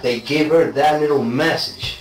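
A fairly high-pitched male voice at a moderate pace answers police questions insistently, often adding "okay?". The speaker is a suspect in his forties from South Africa and Argentina, recorded in a small, bare indoor interview room by a distant fixed camera mic, so the sound is roomy, distant and noisy.

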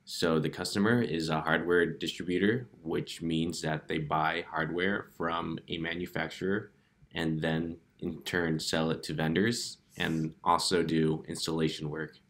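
Man, very deep voice, flat delivery, casual demo walkthrough, filler words. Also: unhurried. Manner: relaxed, with frequent "uh" fillers. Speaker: presenter of analytics demo.

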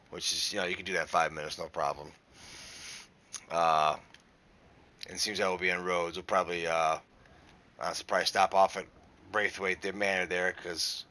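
A man's voice: low-pitched, pushed and bright, clean tone. A middle-aged man hosting a gaming channel, giving rambling, casual gameplay commentary with mild swearing. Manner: rambling, casual, mildly profane.

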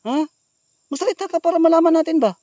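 A man vlogging as a ghost hunter outdoors in the countryside, calling out loudly to someone and then dropping to hushed asides for his viewers. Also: very high voice, quick pace, no echo, lo-fi sound. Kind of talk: outdoor staged vlog narration.

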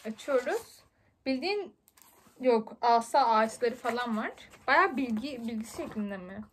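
A woman in her twenties chatting very fast and excitably while unboxing books for her vlog. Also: fairly high pitch, a little hiss or hum. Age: 20s. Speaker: book vlogger. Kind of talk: casual unboxing chat.

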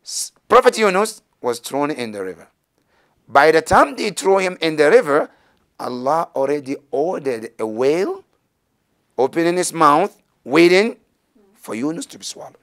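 A man's voice: fairly high pitch, big pitch swings, moderate pace, fairly bright tone. A middle-aged man telling a religious story as a teacher, gesturing and acting out the voices of the people in it, in a small indoor studio on a lapel mic. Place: studio set with banners, indoors.

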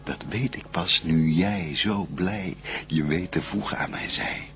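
A man's voice: low voice, measured pace, a bit bright. An actor playing Adam, a devout and adoring first man, declaiming solemn verse in a stately, lyrical manner in a radio play. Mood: tender, adoring.

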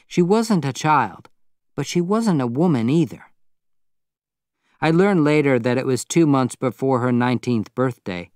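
Slow, measured man narrating. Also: mid-range voice, clear, resonant tone, dry recording, clean studio sound. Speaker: audiobook narrator. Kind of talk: scripted narration.

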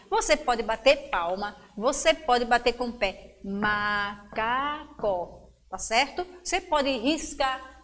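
Slow high-voiced woman teacher. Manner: slow and encouraging, stretches words out syllable by syllable. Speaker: schoolteacher. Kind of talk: classroom lesson for children.

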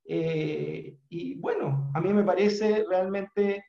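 A middle-aged man with a Chilean accent, a business trainer telling a motivational story in an earnest, unhurried way with frequent fillers, on a video call from a room at home. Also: sits high, creaky. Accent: Chilean Spanish. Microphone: webcam on video call. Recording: roomy, dull webcam audio.

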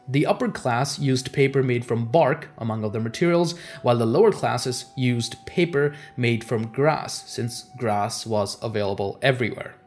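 A young adult man whose native language is Urdu hosts a history channel, delivering scripted educational narration in an explanatory way. His voice is mid-range and darkish, recorded indoors in a small home office with music in the background.

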